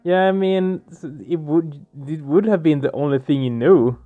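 A man with a slightly high voice gives casual let's play commentary at a moderate pace, thinking aloud hesitantly as he plays. The sound is phone quality, with soft game music in the background.

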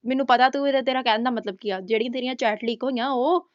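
A woman's voice: on the high side, steady tone, fast, no room sound, lo-fi sound. A woman hosting a roast video, scolding and taunting with pointed rhetorical questions. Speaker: YouTube roast host.

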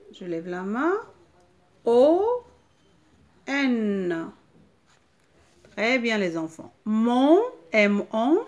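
A woman teacher leading a reading lesson for young children, spelling words letter by letter and stressing each sound. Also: mid-range voice. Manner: slow, spells letters aloud one by one, stresses words with emphasis.

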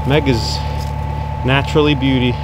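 A man joking and bantering casually while clearing trees on a wooded hillside, recorded on a camera mic outdoors. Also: medium pitch, level tone, normal speed. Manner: teasing, playful banter. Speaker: homesteading channel co-host. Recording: outdoor footage with clear engine noise.

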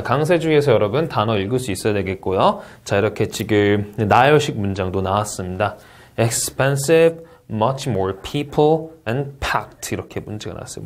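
Male instructor, exam review lecture, animated swinging pitch, rhetorical questions, slow careful model readings. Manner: lively teacherly delivery, frequent "자" and rhetorical questions; reads English model answers slowly and carefully. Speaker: TOEIC Speaking instructor.

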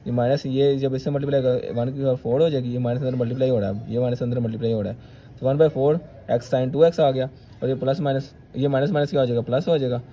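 A man's voice: mid-range voice, steady tone, fast, dark tone, slight background noise. A male maths teacher, talking students through each step of a solution and checking in with "theek hai".

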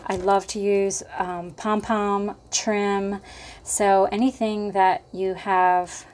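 Her voice a little hoarse, a woman leads a relaxed crafting tutorial from her table, talking through her thoughts with lots of filler words. The pitch is medium and the tone darkish, with a faint hiss or hum in the recording.

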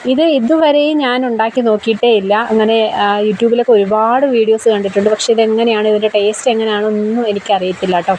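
Young woman, hoarse, homely chatty vlog voice-over, mellow tone, faint rain noise behind. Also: a little high, steady tone, brisk, poor audio. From Kerala, India. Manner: chatty, homely storytelling with frequent tag questions. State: hoarse, blocked throat. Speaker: cooking vlogger. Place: home kitchen.

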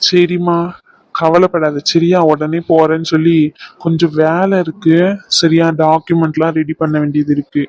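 A woman with a low, level, darkish voice speaks at normal speed, voicing a young man in a fan dub of a serial scene; the recording is dry, natural, and of poor quality. Her character is an anxious but tender fiancé who soothes, teases, and pleads with his bride-to-be in a tender, teasing mood.

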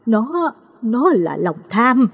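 A woman's voice: on the low side, expressive, moderate pace, a little mellow, breathy edge. A woman voicing a grieving old village mother-in-law, speaking in a heavy-hearted, lamenting way in a storybook reading. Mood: bitter.

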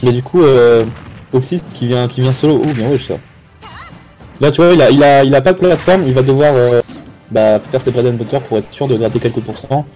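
A man's voice: medium pitch, a little fast, mellow. A man doing casual esports caster play-by-play, informal, slangy and reactive. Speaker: esports commentator. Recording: faint music behind voice.

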